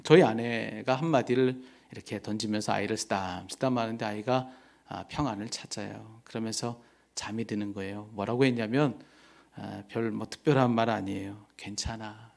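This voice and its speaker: A male pastor preaching a sermon, swinging from loud emphatic lines to soft whispered words of comfort. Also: mid-range voice, gravelly.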